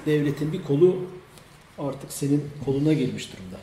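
A man's voice: on the high side, fairly quick, dark tone, a little hiss or hum. A man hosting a casual tech news chat, conversational and leading the talk. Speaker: host. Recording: echoey room.

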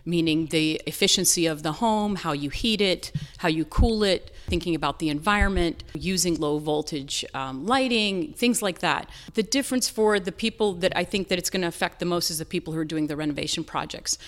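A southern American woman from North Carolina, interviewed as a guest, speaks with a somewhat low voice. Her delivery is a bit fast with few pauses, and she explains matters in an earnest, conversational manner, much like a business owner discussing what she does.

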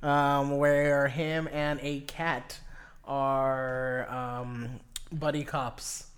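Slow, halting improviser man. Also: medium pitch, level tone, slight background noise. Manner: halting, filler-laden. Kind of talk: improv comedy.

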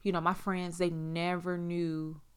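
A woman's voice: on the low side, little pitch movement, a little slow, clean tone. A woman telling a personal story in a casual, blunt way, swearing heavily and acting out what people said. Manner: blunt, heavy swearing, frequent fillers; acts out dialogue in raised voices. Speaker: storyteller sharing a personal experience.

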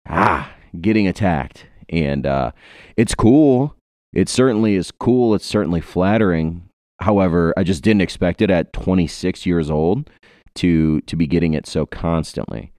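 A man's voice: low-pitched, a little mellow, no room sound, clean studio sound. A man in his twenties from Ohio, hosting a podcast in a rambling, joking way with many fillers. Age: 20s. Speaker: podcast host. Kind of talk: casual podcast chat.

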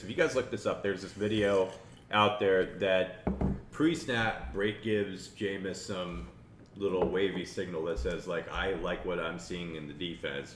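A man hosting a podcast, talking through football picks in a rambling, chuckling way. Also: deep voice. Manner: rambling, chuckling, self-interrupting. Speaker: podcast host. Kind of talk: casual sports chat. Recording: echoey room with faint noise.

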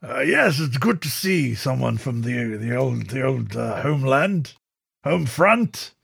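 A man playing a hesitant, amiable viscount in a tabletop game. The voice is gravelly and husky with a lively pitch, recorded dry and close with no room sound. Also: unhurried, no echo, heavily acted. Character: British viscount, a player's character.

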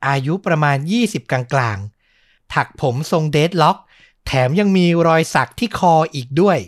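A man's voice: fairly high pitch, big pitch swings, a little slow. Chatty man telling a spooky story. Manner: chatty retelling with many fillers. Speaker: podcast host and storyteller. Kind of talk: casual storytelling podcast.

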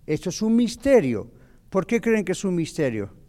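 A man's voice: high voice, very animated, normal speed, warm tone, in a large hall. A man teaching a Bible lesson to a church class, explaining patiently and asking the audience questions.

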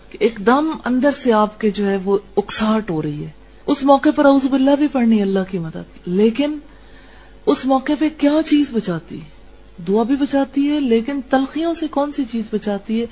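A woman's voice: a little high, darkish tone. A woman teaching a religious class, lecturing and pressing her students with questions.

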